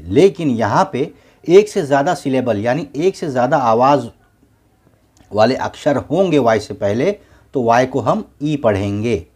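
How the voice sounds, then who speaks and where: A man's voice: mid-range voice, a little mellow, breathy edge. A man teaching a beginners' English lesson, patiently spelling words out letter by letter and repeating each word twice.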